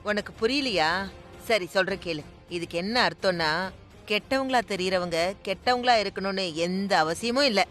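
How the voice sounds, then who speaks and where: A woman's voice: mid-range voice, moderate pace, a bit bright, faint music behind, natural voice. An actress dubbing a fierce, outspoken woman who confronts a schemer in a TV serial drama. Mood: accusing. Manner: accusing, sarcastic. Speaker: household member, once a maid. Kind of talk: dubbed TV serial acting.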